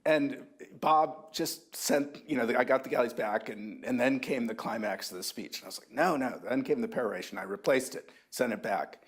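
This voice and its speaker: A man in his sixties, an author at a university book talk, reminiscing thoughtfully with halting restarts. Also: mid-range voice, breathy edge. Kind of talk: reflective anecdotal talk.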